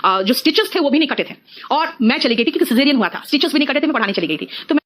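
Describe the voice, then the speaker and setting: A middle-aged woman teaching an exam-prep English lesson, calling her students "beta" and slowing down to spell out example sentences. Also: sits high, lively intonation, fairly bright tone. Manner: addresses students as beta, mixes Hindi and English.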